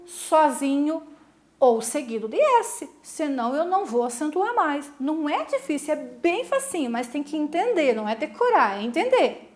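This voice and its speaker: Brazilian woman teacher, high voice, talks slow, walks pupils through rules step by step. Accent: Brazilian Portuguese. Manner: patient, explains step by step and asks the class questions; calls herself "a prof" in the third person. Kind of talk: video lesson for school pupils.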